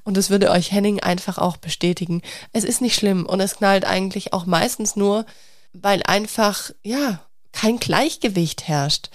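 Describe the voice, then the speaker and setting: A woman's voice: medium pitch, unhurried, dry recording. Candid young mother, dry close voice. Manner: open, searching, talks through restarts. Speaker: mother of two speaking to followers. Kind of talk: candid personal vlog confession.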